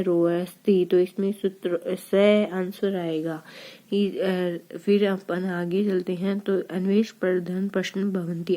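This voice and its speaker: Low, flat-voiced woman tutoring. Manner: reads each question, then explains the answer step by step. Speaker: Sanskrit exam tutor. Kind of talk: solving an exam paper aloud.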